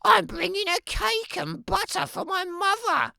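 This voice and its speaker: A woman's voice: very high-pitched, unhurried, vocal fry, sharp tone, dry recording, clean studio sound, voice pushed up, full character voice. A woman voicing a vain, prissy little girl in a storybook, boasting and admiring herself in a sing-song manner. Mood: boastful, eager.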